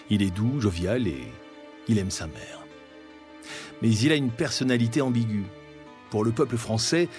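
A man giving scripted documentary narration in a measured, dramatic storytelling manner with pauses. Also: medium pitch. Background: faint background music.

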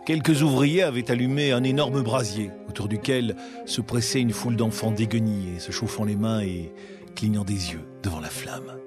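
A man narrating a story in a measured, expressive storytelling voice. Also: lowish voice, over music.

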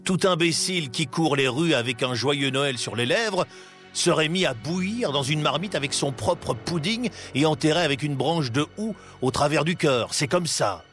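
A man's voice: medium pitch, sing-song, unhurried, creaky, a bit bright, soft background music, heavily acted. A man voicing a stingy, bitter old miser who speaks in scornful, indignant outbursts.

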